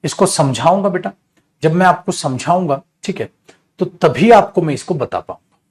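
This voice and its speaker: A man's voice: fairly high pitch, lively intonation, normal speed, darkish tone. A man teaching a spoken English lesson, explaining patiently in Hindi and addressing his students affectionately.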